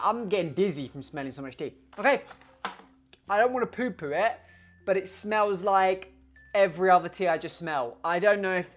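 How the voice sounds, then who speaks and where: A young man chatting casually in a home video, excitable, rambling and sweary. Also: sits high. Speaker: vlogger. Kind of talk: casual vlog chat.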